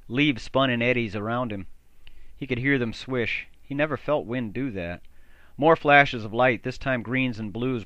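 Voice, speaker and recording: A man's voice: a bit bright, no echo, muffled recording. A man reading a novel aloud as an audiobook narrator, lifting his voice for the characters' dialogue. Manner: raises pitch and volume for dialogue.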